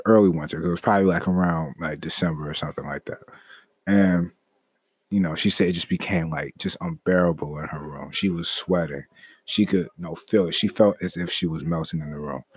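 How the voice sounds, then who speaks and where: A man with a very low voice tells a creepy story off the cuff, circling back on himself with lots of fillers and half-started sentences. The sound is dry and close, with no room around it. He talks like a host chatting to his listeners. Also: slightly rough, no echo. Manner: rambling, filler-heavy, frequent restarts. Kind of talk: casual spoken storytelling.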